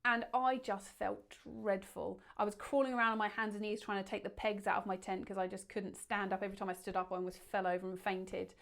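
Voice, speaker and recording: A woman telling a bedtime adventure story in a lively way, acting out the quoted lines with big shouts. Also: medium pitch, brisk, gravelly, hardly any pauses.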